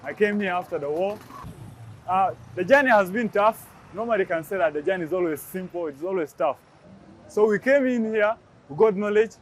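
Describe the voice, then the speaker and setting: A man from South Sudan, interviewed outdoors, telling his story in an earnest, steady way. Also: sits high, slight background noise.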